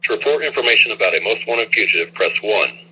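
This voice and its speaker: A man's voice on a recorded automated phone menu, reading formal, scripted prompts in an even, instructional way. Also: lowish voice, fast. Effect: recorded automated phone menu message. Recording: tinny phone line, husky.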